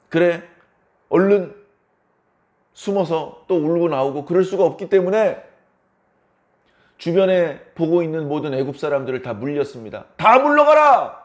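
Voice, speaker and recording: A male pastor giving a dawn service sermon with a fairly high voice. He tells the story like a drama, voicing the people in it. His pitch and volume rise and fall sharply as he goes. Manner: dramatic storytelling, acting out quoted lines with big swings in pitch and loudness.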